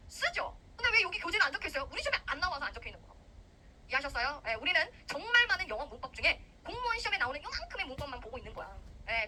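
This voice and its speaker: Young woman, grammar lecturer: high, fast and animated, acts out her examples. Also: a little hiss or hum, low-quality recording. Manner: lively, animated, acts out grammar parts in quarrelling voices. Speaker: English grammar teacher for civil service exam students. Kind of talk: recorded lecture.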